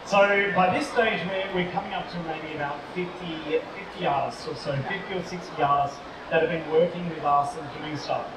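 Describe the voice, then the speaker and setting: His voice a little high and his tone steady, a man speaks at normal speed with few pauses, telling stories as a toy company co-founder. The relaxed live presentation takes place in a large indoor mall expo, heard through a distant mic amid echo and crowd noise.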